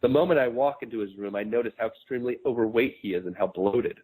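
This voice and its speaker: A man in his forties, an author, reading his memoir aloud in a measured, quiet, reflective way. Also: mid-range voice, slightly rough, phone-quality sound.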